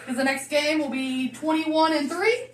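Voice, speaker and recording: A woman's voice: high voice, moderate pace, echoey room, far from the mic, a little hiss or hum. A woman giving a profane, teasing roast, laughing through her jokes. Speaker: roast speaker. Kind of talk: casual roast toast.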